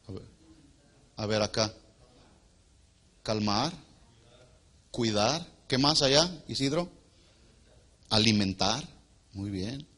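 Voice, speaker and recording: In a church hall, a man preaches to his congregation as their pastor with a medium-pitched voice. His delivery shifts from loud emphasis to hushed asides, and he asks the people questions and pauses for their replies.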